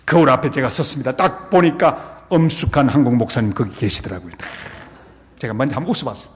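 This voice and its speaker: A man's voice: medium pitch, fast. A middle-aged man preaching a revival sermon as pastor, telling stories and acting out scenes and quotes as he goes. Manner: animated, acts out scenes and quotes. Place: church sanctuary. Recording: long church-hall reverb.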